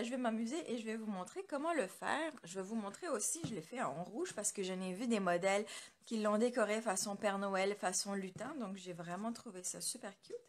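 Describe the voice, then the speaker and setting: A woman from France with a slightly high, somewhat bright voice casually hosts a live craft tutorial from her home studio. She chats loosely, greets viewers by name, and is recorded on a computer camera mic.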